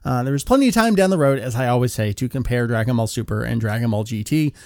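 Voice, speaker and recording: A man's voice: medium pitch, animated, fast talker, a little mellow, no echo. A man hosting a podcast in casual chat, upbeat and jokey, with frequent filler words. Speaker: podcast host. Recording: dry close-miked podcast audio.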